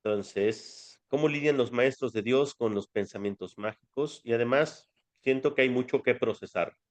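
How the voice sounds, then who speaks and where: A man's voice: mid-range voice, moderate pace. A man with a Mexican accent leading a spiritual study group in a chatty, affectionate way, calling his listeners family. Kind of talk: casual spiritual teaching.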